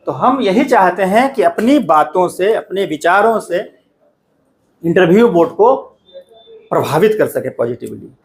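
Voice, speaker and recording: A middle-aged man teaches a class in a classroom, speaking straight to his students. His voice sits fairly high, and he keeps checking that they follow him as he explains. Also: sing-song, measured pace. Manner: addresses students directly, repeats "ठीक है ना" often. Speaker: coaching teacher. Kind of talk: classroom lecture.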